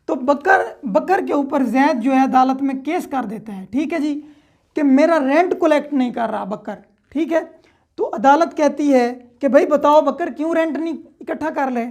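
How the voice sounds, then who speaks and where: Her high-sitting, darkish voice carries a Pakistani accent as she explains law in a conversational lecture built around worked examples. She regularly tacks on tags to check that listeners are following.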